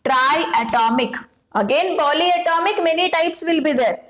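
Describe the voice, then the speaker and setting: A woman teaches a science class at an unhurried pace. She keeps asking the students questions and repeats the answers back to them. Her high voice rings in an echoey room. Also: a little hiss or hum. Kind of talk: classroom lesson.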